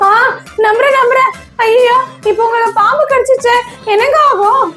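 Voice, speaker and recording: A fretful wife played by a woman who exclaims in alarm, her voice pitched very high. Music plays clearly beneath the comedy skit. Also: moderate pace. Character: fussing worried wife.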